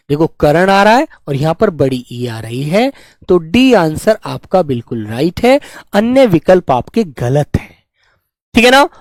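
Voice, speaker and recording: A man's voice: high voice, a little mellow, dry recording. A man teaching an online spelling lesson to exam students, talking in a coaxing, repetitive teacherly way.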